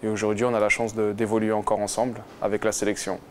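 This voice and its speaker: In a quick, flat, fairly low-pitched voice carrying a little hiss or hum, a footballer guest in his twenties answers interview questions. His manner is casual and hesitant, with many fillers and false starts.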